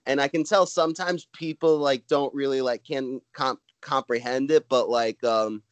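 A man from Brooklyn with a Brooklyn accent chats casually as a comedian being interviewed, rambling and halting, with "like" all through his talk. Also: mid-range voice, steady tone, no echo. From Brooklyn, New York. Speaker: stand-up comedian, podcast guest. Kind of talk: casual chat.

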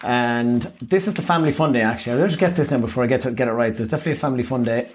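A man's voice: medium pitch, very fast, slight background noise. A middle-aged man with a west of Ireland accent hosting a local radio show, rambling casually through the papers in a chatty, encouraging way. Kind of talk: casual paper review chat.

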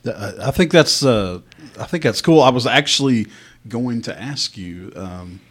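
A man interviewing casually, feeling his way through a question in halting, tentative phrases. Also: mid-range voice, expressive. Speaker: interviewer, co-host.

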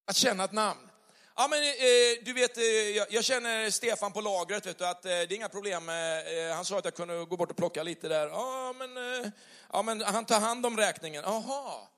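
A man's voice: high voice, pushed and bright. A man preaching a conversational sermon, chatty and full of acted-out little dialogues. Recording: long hall reverb.

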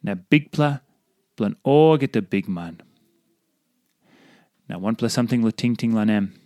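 A man's voice: on the low side, animated, a little slow, darkish tone, dry recording, studio quality. A man with a Papua New Guinean accent reading a scripted devotional. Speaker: devotional reader.

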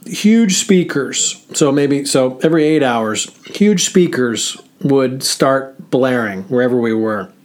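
Male podcast co-host, mid-pitched, very slow and halting delivery, reflective storytelling. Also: a little mellow. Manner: slow and halting, with frequent pauses and fillers. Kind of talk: reflective storytelling in casual chat.

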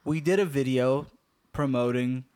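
A man's voice: mid-range voice, a little slow, darkish tone, clean tone. A young man co-hosting a podcast, chatting casually with jokes, slang and laughter. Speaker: podcast co-host. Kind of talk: casual chat.

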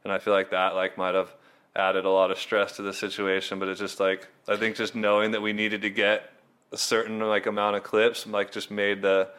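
A man's voice: on the low side, monotone, moderate pace, a bit bright, smooth. A young man in casual chat, laid-back and filling his talk with "like" as he recounts editing a video. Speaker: video editor and filmer.

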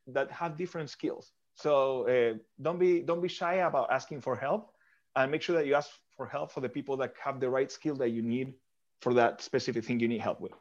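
Speaking as a guest on a podcast, a man from Argentina responds to the host with careful thought, often backing up and repeating himself as he builds his point. His voice is medium in pitch and a little mellow, heard through dull-sounding audio.

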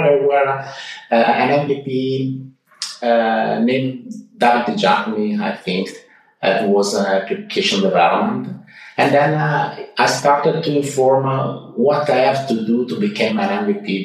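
An Italian man with a lowish voice and an Italian accent answers casual interview questions in English, his second language, hesitating with many fillers and restarts. He's a guest speaking from his home in Switzerland. The recording is rough and very echoey, captured from a distance.

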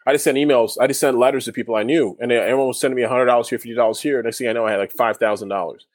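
Dude talking fast in an interview, lots of restarts, dry sound. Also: male voice, medium pitch, steady tone, no echo. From Canada. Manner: rapid, rambling storyteller with frequent restarts. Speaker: guest, former overseas basketball player. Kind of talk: casual interview storytelling.

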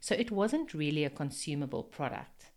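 Afrikaans south african lady around 50 doing a podcast intro, lowish voice, talks right to you. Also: animated, normal speed, a little mellow. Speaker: podcast host. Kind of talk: introductory podcast monologue, partly scripted.

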